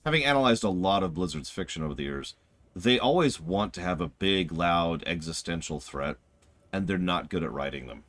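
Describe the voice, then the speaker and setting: A man with a low voice streams a game review. His commentary is casual and conversational, analytical and full of firm opinions. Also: a bit bright.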